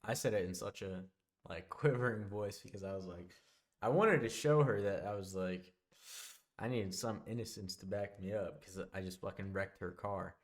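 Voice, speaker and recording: A young man telling a casual storytime monologue, rambling and backtracking, often dropping into quieter asides. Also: fairly low pitch, moderate pace. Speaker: vlogger.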